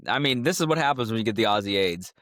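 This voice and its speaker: Recovering from an illness and a little under the weather, a podcast co-host trades casual sports banter, laughing and joking frequently. He has a mid-range, fairly bright voice, captured in studio quality without room sound.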